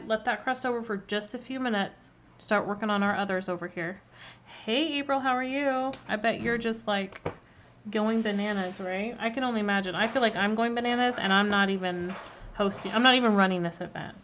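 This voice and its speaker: Friendly woman instructor on a live stream, mid-pitched, slightly muffled laptop audio with a faint hiss. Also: fairly quick, a bit bright. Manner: chatty, greets viewers by name, filler ums. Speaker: cookie decorating instructor. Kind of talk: casual live-stream demonstration. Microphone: laptop mic.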